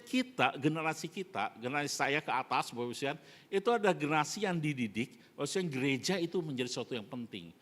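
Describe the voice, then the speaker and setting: A middle-aged man preaching a sermon as pastor, constantly addressing the congregation and swinging between emphatic rises and hushed phrase endings. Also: on the high side. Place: church sanctuary during a live service. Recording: long church hall reverb.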